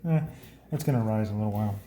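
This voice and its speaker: A man's voice: fairly low pitch, very fast, mellow. A man hosting a casual home cooking demo, rambling and correcting his own slips with a chuckle. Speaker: home cooking show host. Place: home kitchen. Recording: echoey kitchen, clear background noise.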